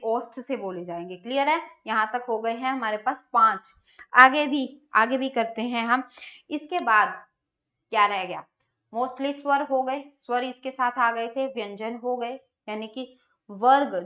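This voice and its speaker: Slow-talking woman teaching grammar. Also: fairly high pitch, fairly bright tone, muffled recording. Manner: repeats questions and answers them herself. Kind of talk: live online class.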